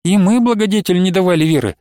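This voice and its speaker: A man's voice: sits high, fast talker, mellow, no echo, studio quality, voice pushed up, close to an everyday voice. A man voicing a grieving, pious old nun who laments and pleads tearfully. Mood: mournful. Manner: lamenting, sing-song pleading.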